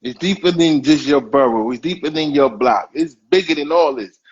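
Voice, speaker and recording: Husky New man on a lo-fi stream. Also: on the high side, normal speed. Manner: emphatic, advice-giving, repeats phrases. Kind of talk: casual podcast chat. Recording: dull lo-fi stream audio.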